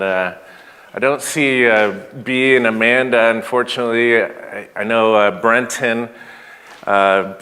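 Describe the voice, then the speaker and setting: Slow-talking pastor in a reverberant church. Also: male voice, mid-range voice, sharp tone. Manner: halting, many uh fillers. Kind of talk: church announcements. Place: church sanctuary. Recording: long church hall reverb.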